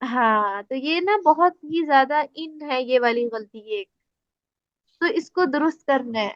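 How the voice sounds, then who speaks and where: High-voiced woman teaching Quran recitation. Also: lively intonation, no room sound. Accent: Pakistani Urdu. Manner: explains patiently, demonstrates recitation slowly. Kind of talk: casual spoken lesson. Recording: dry, slightly muffled recording.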